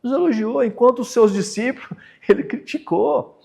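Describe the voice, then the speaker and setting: A Brazilian man with a notably high voice delivers a Spiritist lecture in a chatty preaching style. He leans on animated emphasis and tag questions to the audience, then goes softer and lower toward the end. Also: normal speed, vocal fry, husky. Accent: Brazilian Portuguese. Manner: animated, sinks soft and low at the close. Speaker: speaker at a Spiritist center.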